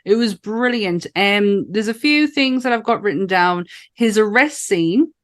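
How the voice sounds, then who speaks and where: This woman from the north of England speaks a little slowly in a medium-pitched, animated voice with a northern accent. As a podcast co-host she chats casually and with enthusiasm, often laughing and cursing.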